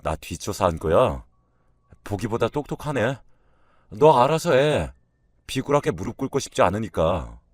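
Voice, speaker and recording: A man voicing an arrogant, defensive cheating husband who snaps loudly at his wife. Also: fairly low pitch, very animated, normal speed, long pauses, no echo, studio quality. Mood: cold. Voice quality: loud, snapping.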